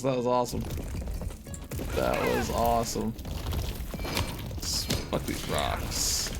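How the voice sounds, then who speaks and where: A woman giving casual, slangy, sweary commentary while playing a co-op video game. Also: low-pitched. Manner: profane, hyped slang. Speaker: gamer playing co-op. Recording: game noise and keyboard clicks behind.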